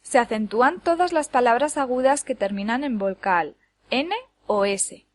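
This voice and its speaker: A woman teacher from Spain reading a scripted lesson clearly and deliberately, slowing down to spell out syllables. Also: fairly high pitch, animated, no room sound. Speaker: Spanish teacher.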